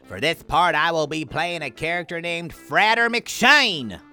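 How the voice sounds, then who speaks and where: A woman's voice: on the low side, expressive, a little slow, pushed and bright, clear, resonant tone, faint music behind. A woman voicing a boastful alien sidekick who fancies himself a great actor, grand and bossy in a children's audio drama. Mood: grandiose.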